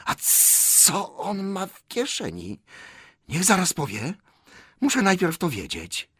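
A man voicing a wretched, scheming creature in an audiobook, with a whiny, croaking, hissing voice. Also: high-pitched, huge pitch swings, slow pace, fairly bright tone, dry recording, clean studio sound, voice pushed up, heavily acted. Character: wretched slimy creature, whining, scheming, obsessive. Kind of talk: audiobook character voice.

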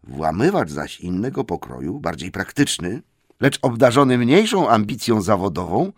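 A man narrating a storybook with a lively, expressive delivery. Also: on the low side, moderate pace, breathy edge, no echo, clean studio sound. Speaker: audiobook narrator.

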